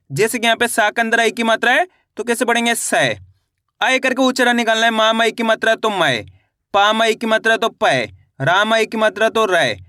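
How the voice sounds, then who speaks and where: A man teaching children to read, spelling out syllables slowly and asking and answering his own questions. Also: very high-pitched, sharp tone, no room sound, clean studio sound. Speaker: Hindi reading teacher. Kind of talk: spelling-out phonics lesson.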